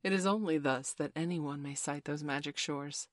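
A woman narrating a children's storybook in a measured, expressive reading voice. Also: low voice, no echo. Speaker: audiobook narrator.

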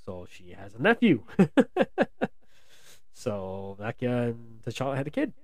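An American man talks through a film he just saw, in a loose and rambling way, circling back and restarting his sentences. His voice sits in an ordinary middle pitch. The recording is close and dry. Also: very animated, slow, no room sound. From United States. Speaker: movie reviewer. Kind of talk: casual spoken film review.

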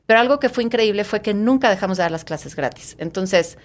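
A middle-aged woman with a Mexican accent, the founder of a fitness studio, is a guest in a casual interview. She talks eagerly and a little fast in an expressive, medium-pitched voice, often restarting or repeating her words.

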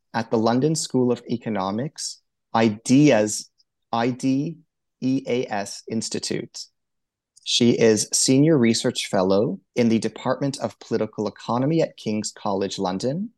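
A man's voice: mid-range voice, darkish tone. A man hosting an academic history podcast. He speaks formally and carefully, reading out each guest's credentials in turn. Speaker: podcast host. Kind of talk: formal interview introduction.

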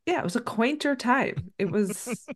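A woman's voice: fairly high pitch, lively intonation, measured pace. A woman in her thirties co-hosting a casual movie podcast, rambling with lots of "like" and "um". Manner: rambling, filler-heavy, frequent "like". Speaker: podcast co-host. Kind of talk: casual movie recap chat.

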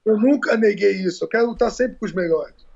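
A high-pitched Brazilian man tells fight stories in a loose, animated way, packed with curses and restarts. The recording sounds dull and lo-fi. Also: fairly quick, vocal fry. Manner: animated, swears often, repeats words, stumbling restarts. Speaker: retired fighter, guest. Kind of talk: casual storytelling interview.

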